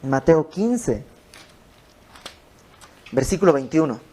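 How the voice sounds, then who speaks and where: A man's voice: a little high, very animated, slow pace, a little mellow, breathy edge. A man teaching an informal Bible study in a home, explaining verse by verse with conversational asides. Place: a private home.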